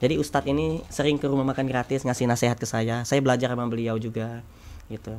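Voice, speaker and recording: A man's voice: flat delivery, fast. A young man, a talk show guest, telling a story with lots of animation and acting out every line of dialogue. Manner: acts out dialogue, swinging pitch and loudness.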